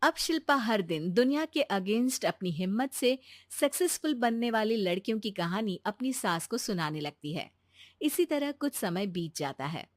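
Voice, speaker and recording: A woman's voice: mid-range voice, lively intonation, moderate pace, no room sound, clean studio sound. A woman narrating a scripted cartoon family story.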